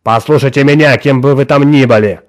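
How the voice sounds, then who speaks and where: A man's voice: mid-range voice, moderate pace, darkish tone, natural voice. A man voicing a harsh, contemptuous boss woken at night, curt and barking. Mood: angry scorn.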